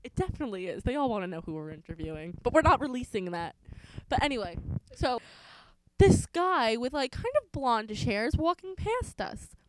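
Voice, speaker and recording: A woman's voice: on the high side, sing-song, a little fast, background noise. A young woman co-hosting a podcast, telling stories in a chatty way full of fillers. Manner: chatty storyteller, many "like" fillers. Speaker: podcast co-host. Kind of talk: casual chat.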